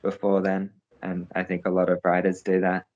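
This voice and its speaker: Deep, flat-voiced young man, hesitant. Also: normal speed, dull audio. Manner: hesitant, many fillers and restarts. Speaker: interviewed pro cyclist. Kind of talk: casual interview answers.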